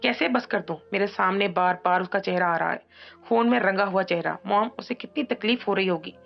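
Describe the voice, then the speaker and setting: A woman reads as a young woman undone by grief, crying and stammering, her words breaking apart, in a gravelly voice raised well above her usual pitch. The audio is dull and lo-fi, with faint music underneath. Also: lively intonation, takes it slowly. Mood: grief-stricken. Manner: broken, stammering sobs. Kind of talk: dramatic audiobook reading.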